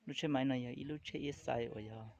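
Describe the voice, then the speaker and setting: A man's voice: medium pitch, rapid-fire, gravelly, darkish tone. A man talking casually and loosely, rambling from one point to the next. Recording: muffled recording with crowd noise. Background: crowd chatter.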